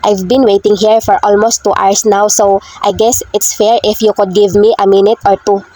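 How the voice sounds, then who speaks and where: A woman's voice: moderate pace, lightly acted. A woman reading as a cool, composed young businessman. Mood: cool, concerned. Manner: calm, low-key delivery.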